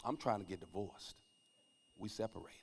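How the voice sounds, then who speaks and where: A male comedian with a Southern American accent telling stand-up stories in a church, swinging from loud outbursts to mumbled asides. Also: lowish voice, moderate pace, creaky, breathy edge. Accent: Southern American English. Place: church stage, live audience.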